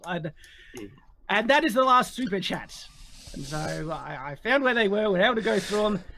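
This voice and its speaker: A man's voice: sits high, animated, normal speed, vocal fry, sharp tone, slight background noise. A man hosting a casual live stream with a guest, reading viewers' super chats aloud and laughing often.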